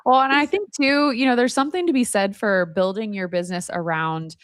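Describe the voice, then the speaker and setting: Female podcast host, conversational interviewer, mid-pitched voice, very dry sound. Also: fairly quick, smooth, no echo. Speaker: podcast and live stream host.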